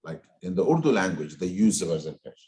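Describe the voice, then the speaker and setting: Lowish-voiced man teaching Quran recitation. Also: sing-song, warm tone. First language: Bengali. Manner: patient, corrective, models slow drawn-out recitation. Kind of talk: live recitation class, correcting students.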